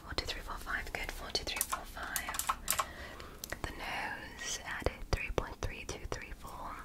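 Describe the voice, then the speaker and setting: With her natural voice, a woman whispers her way through an ASMR roleplay as a female alien doctor, calm and clinical in tone. Softly reassuring and precise in her measured instructions, she sets a soothing mood.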